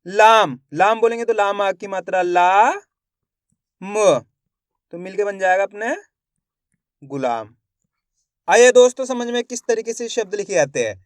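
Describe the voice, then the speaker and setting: A young man with a high, clear voice teaches spelling, sounding out every syllable and repeating each word. His voice is smooth and close, in a dry room with no echo. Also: expressive, measured pace, pauses often. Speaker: Hindi writing teacher.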